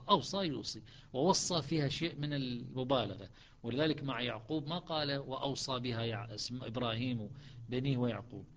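A man's voice: medium pitch, a bit bright, slight background noise. A man teaching a classroom lesson on Quran recitations, explaining step by step, repeating words and checking that his students follow.

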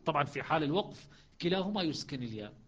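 A man's voice: a little high, sing-song. Man teaching recitation, lo-fi audio. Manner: chants verses slowly between quick spoken explanations. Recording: dull lo-fi audio.

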